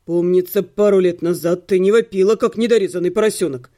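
A grumpy young male necromancer in a homemade storybook reading, voiced by a woman narrator. His lines come out gruff, terse and sulky, pitched well below her own voice. The tone stays mellow and soft-edged. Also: fairly quick, close to an everyday voice. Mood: grumbling. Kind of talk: audiobook character voice.

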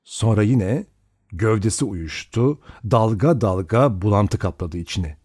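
A man narrating an audiobook dramatically, slowing and speeding for suspense. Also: on the low side, breathy edge, no room sound, studio quality. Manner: expressive, varies pace for suspense.

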